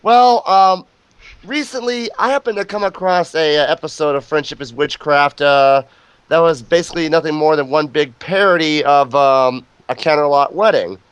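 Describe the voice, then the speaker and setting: A man's voice: fairly high pitch, normal speed, clear, resonant tone, dry recording. A man hosting a casual online show over a voice call, a little sick and coughing, with playful, theatrical announcing. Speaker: host.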